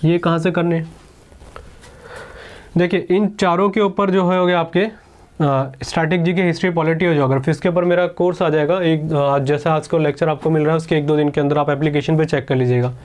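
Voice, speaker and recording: A man's voice: on the high side, steady tone, darkish tone. A man teaching exam strategy in a casual, chatty lecture, often checking in with his students. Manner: quick, chatty, keeps saying "ठीक है".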